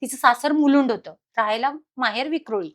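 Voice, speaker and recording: A woman guest telling a personal haunting story in an animated, dramatic way. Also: high-pitched, a little fast. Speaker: podcast guest.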